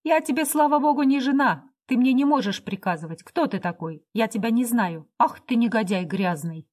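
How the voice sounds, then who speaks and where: A hot-tempered young woman flares up in high, agitated bursts, voiced by a woman reading aloud. She sounds proud and indignant. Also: expressive, normal speed, a little mellow. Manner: shrill, agitated outbursts.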